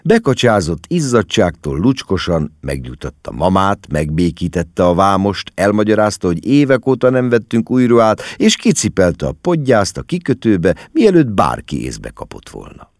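A man reading a novel aloud as an expressive narrator. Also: low voice, hardly any pauses, dry recording, clean studio sound. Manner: expressive storytelling. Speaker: audiobook narrator. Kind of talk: scripted literary narration.

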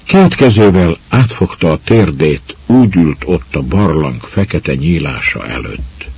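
A man reading a story aloud in a slow, measured way. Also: low voice, expressive, vocal fry, darkish tone, breathy edge, dry recording. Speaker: narrator. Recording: dull muffled recording.

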